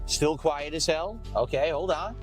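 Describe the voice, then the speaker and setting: A man's voice: on the high side, measured pace, music in the background. A man streaming a gear test, explaining step by step and checking in with "okay?", his voice muffled and distant as if heard through a wall. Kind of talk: casual live-stream demo.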